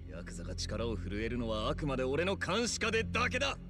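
An actor playing a cold, controlling, ambitious politician in a video game, stern and deliberate in manner. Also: male voice, mid-range voice, wildly swooping pitch, music in the background. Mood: angry. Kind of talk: video game drama acting.

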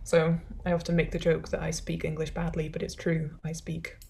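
A Scottish social science academic answers questions after a talk, speaking thoughtfully, conversationally and with self-deprecating humor. Her voice is low-pitched, monotone, creaky and darkish, at a moderate pace, with slight background noise.

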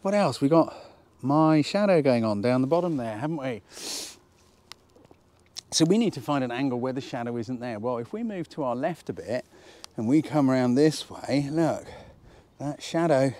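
A British man in his fifties with a squeaky voice from a cold, chatting casually and jokily as he teaches outdoors, often asking rhetorical questions. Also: animated, moderate pace, darkish tone. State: has a cold. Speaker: photography instructor and presenter. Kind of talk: casual instructional talk to camera. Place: outdoors at a waterside harbour slipway.

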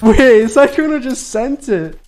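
A woman chatting excitedly while streaming a game, swearing and laughing often, thanking viewers as she plays. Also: on the high side, measured pace.

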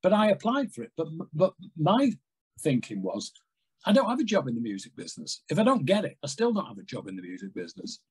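A man in his sixties from England, a music industry guest telling stories in a rambling, animated way on a video call from home. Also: a little high, fast, breathy edge, poor audio. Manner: animated, rambling storyteller with big hand gestures. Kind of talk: casual interview chat. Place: home room with framed records on wall.

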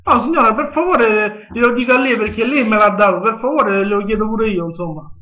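A man's voice: high-pitched, fairly quick, bright, forceful tone. A young man with a southern Italian accent making a prank phone call, talking in a hesitant, insistent, pleading way. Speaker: prank caller. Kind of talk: improvised phone prank chat. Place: small home kitchen, indoors. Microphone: webcam at arm's length. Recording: dull webcam sound, echoey room.

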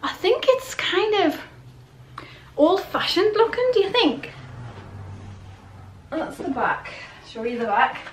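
A woman's voice: very high voice, big pitch swings, slow, pauses often, a little hiss or hum. A middle-aged woman chatting casually and rambling a little, asking herself questions, as in a clothing haul vlog. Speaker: vlogger. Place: small bedroom, indoors. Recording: roomy bedroom echo.

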